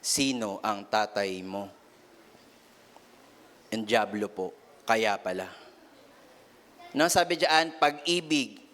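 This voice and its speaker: A young man giving a lively youth sermon as pastor, switching into voices of family members as he tells stories. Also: lowish voice, slow pace, long pauses, slight background noise. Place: church hall. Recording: long hall reverb.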